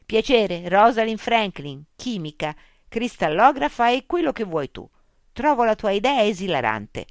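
A woman's voice: medium pitch, big pitch swings, a little slow, dry recording, clean studio sound, pitched above the performer's own voice. A woman voicing a forthright, confident woman scientist.

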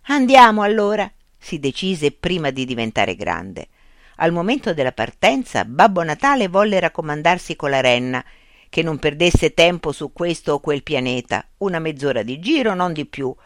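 A narrator reading a fairy tale aloud in an expressive, animated storytelling manner. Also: medium pitch, moderate pace, no room sound, studio quality.

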